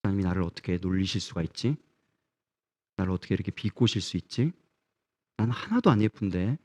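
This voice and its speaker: A man voicing a middle-aged churchgoing woman who is sure she is being mocked, murmuring quietly in a wounded tone. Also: deep voice, lively intonation, a little fast. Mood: hurt.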